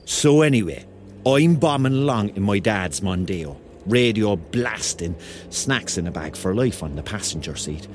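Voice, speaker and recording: In a radio drama, an actor with a Cork Irish accent plays a hapless, self-mocking man of thirty, delivering a rambling, wry confession of his story. His voice is fairly low with lively intonation and an unhurried pace, over slight background noise.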